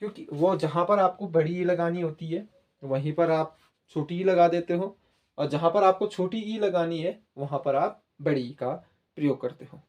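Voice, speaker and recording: A man's voice: on the high side, normal speed, a little mellow. A man teaching a grammar lesson to students, patiently repeating points and speaking straight to the listeners. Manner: patient, repetitive, addresses listeners directly. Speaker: Hindi teacher.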